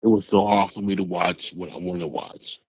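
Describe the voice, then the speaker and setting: A man in his sixties calling in over the phone, telling a rambling, halting story from years past. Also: sits low, darkish tone, breathy edge, no room sound. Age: 60s. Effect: heard over a phone line. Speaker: caller. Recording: muffled phone line.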